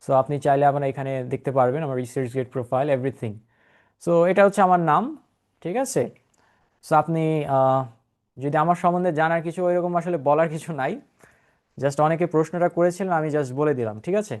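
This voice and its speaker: A man's voice: on the high side, brisk, a little mellow. Bangladeshi man teaching English pronunciation. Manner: explains in Bengali mixed with English, often checks understanding. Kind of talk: online class with screen share.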